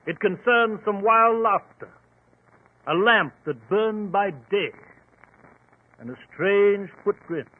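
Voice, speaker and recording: An actor in a 1940s radio play as a hearty English gentleman doctor with a British accent, bluff, genteel and earnest. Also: high-pitched, takes it slowly, long pauses. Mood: storytelling. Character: hearty, admiring English gentleman doctor, the detective's loyal companion. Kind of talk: 1940s radio drama acting. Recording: tinny 1940s radio recording.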